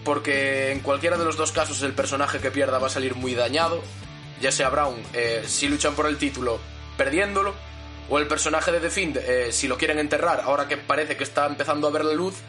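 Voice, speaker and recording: A man with a fairly high, sharp and forceful voice hosts a show in a wrestling commentator's manner. His delivery is conversational, and faint guitar music plays underneath. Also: steady tone, fairly quick. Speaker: podcast host. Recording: music bed behind the voice.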